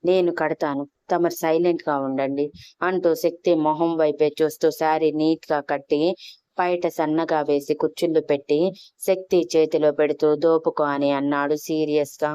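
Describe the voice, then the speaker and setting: A woman narrates a romance story in a low, mellow voice with a smooth, resonant tone. She reads every character's lines herself and shifts her tone a little for each. The recording is close and dry, with no room sound. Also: fairly even intonation, moderate pace, no echo. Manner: reads all characters' lines with light changes of tone.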